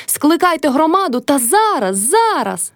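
A woman's voice: high voice, big pitch swings, unhurried, no echo, studio quality, voice pushed up, heavily acted. A woman voicing a quarrelsome old peasant mother-in-law who screeches and wails in a storybook reading. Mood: wailing. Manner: screeching, wailing.

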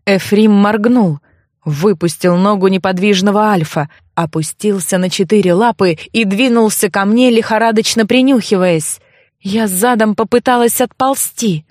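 A woman's voice: medium pitch, moderate pace, a little mellow, dry recording. A woman reads a first-person novel as an audiobook. Her voice sits in the middle range and tells the story evenly but expressively. The recording is dry and close. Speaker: audiobook narrator. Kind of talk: first-person fiction narration.

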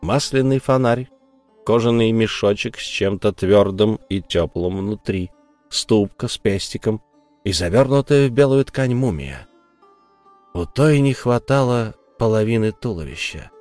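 A male narrator reading a dark tale in a steady, measured way. His voice sits low, and the recording is dry and close with faint music underneath. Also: no echo. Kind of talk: dramatic audiobook narration.

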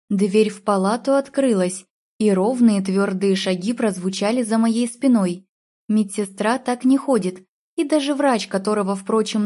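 A woman's voice: mid-range voice, mellow. A woman narrating an audiobook chapter in the first person, reading in an emotional, dramatic way.

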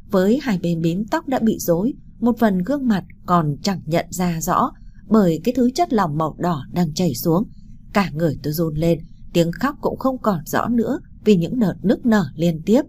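A woman tells a first-person story in a mellow, low voice. She gets emotional and lifts her pitch for the spoken lines. A faint noise sits under the recording. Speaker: narrator.

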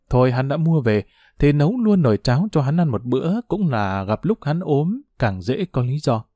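A man narrating a dramatic audiobook story with expressive storytelling. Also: medium pitch, dry recording, clean studio sound.

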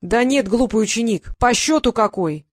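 A woman's voice: fairly high pitch, lively intonation, normal speed, dry recording, studio quality. A woman reading an audiobook voices a tired, grumpy old male wizard who speaks with exasperated sarcasm. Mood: sardonic. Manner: exasperated, sardonic.

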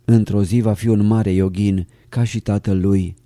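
A jolly older holy man, full of fondness, dwelling on each word of praise as a narrator voices him. The voice is low and very dark and mellow, dry and close. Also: steady tone, no echo, close to an everyday voice. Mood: fond.

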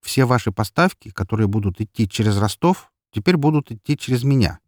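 A male audiobook reader voicing a calm, hard-bargaining male businessman who speaks in a measured, firm way, a bit higher than his narration. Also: dry recording, studio quality, natural voice.

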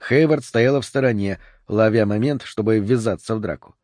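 A man narrating an audiobook in a measured, expressive way. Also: on the low side, no echo.

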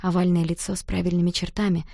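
A woman reading a first-person romance novel aloud in an expressive, intimate way. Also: lowish voice, quick pace, gravelly, no room sound, clean studio sound. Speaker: audiobook narrator.

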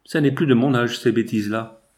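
A man voicing a jovial, teasing deaf old man in an audiobook, speaking loudly and with good humour. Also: medium pitch, fairly quick, lightly acted. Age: older.

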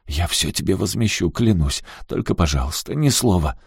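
Man doing a guilty father, pleading, placating, deep voice, dry sound. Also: expressive, normal speed, creaky, breathy edge, no room sound, full character voice. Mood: urgent. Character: guilty pleading middle-aged father, weak-willed.

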